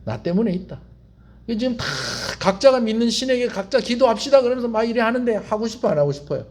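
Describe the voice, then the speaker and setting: A male pastor, preaching a sermon as animated storytelling full of rhetorical questions and call-and-response. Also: very high-pitched, fast. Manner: leads the congregation in call-and-response.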